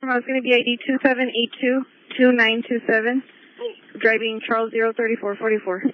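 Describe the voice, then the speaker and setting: A woman police officer calls in over a walkie-talkie, clipping through radio codes in a brisk, businesslike way. Her voice sits a little high and comes through thin and phone-like, dry with no room around it. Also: level tone, dry recording. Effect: heard over a police walkie-talkie. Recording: tinny phone-like radio transmission.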